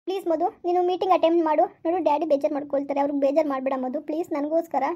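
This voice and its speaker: Young woman, pleading and hurt, very high voice, quick, mellow tone, dull lo-fi audio. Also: steady tone. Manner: pleading, hurt, repeats "please". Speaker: wife in a family skit. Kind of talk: scripted family drama.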